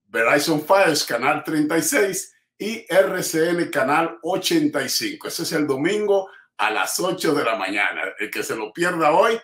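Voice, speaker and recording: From a home room lined with bookshelves, a man hosts a community TV interview over a video call. His voice is fairly high and bright, expressive and a little slow with hardly any pauses, and he speaks emphatically and rhetorically with frequent hesitant fillers. The roomy space gives the recording an echo.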